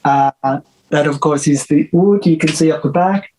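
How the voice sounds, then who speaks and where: A middle-aged man with an Australian accent talks through a video-call interview. His voice sits a little higher than usual for a man. He rambles easily, pausing on "uh" and reshaping sentences as he goes. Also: soft background music, poor audio. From Australia (Victoria). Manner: relaxed, rambling with many fillers and restarts. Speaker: musician and music teacher, guest. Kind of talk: casual interview chat.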